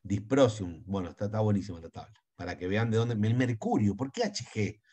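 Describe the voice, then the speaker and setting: A man with an Argentine accent teaching an online chemistry class over a video call, chatty and enthusiastic, dropping into quiet asides. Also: on the low side, lively intonation, fairly quick, husky. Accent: Argentine Spanish. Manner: chatty, enthusiastic, asides under his breath.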